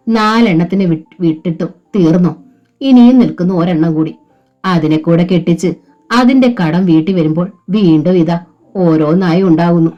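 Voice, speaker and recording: Mellow-voiced woman reading a novel. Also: lowish voice, highs cut off. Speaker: novel narrator. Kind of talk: audiobook novel narration with character voices.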